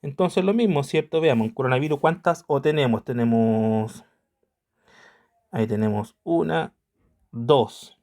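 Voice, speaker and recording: A man's voice: medium pitch, unhurried, pauses often, darkish tone. A man teaching an online math lesson, patient and checking in with his students at almost every step. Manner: patient, checks in constantly with tag questions.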